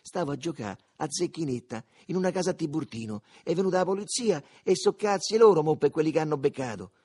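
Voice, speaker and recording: Man putting on a swaggering roman street boy, loud, lifted pitch, bit husky. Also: animated, fast talker. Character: laid-back Roman street teen boy Riccetto. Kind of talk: audiobook character voice.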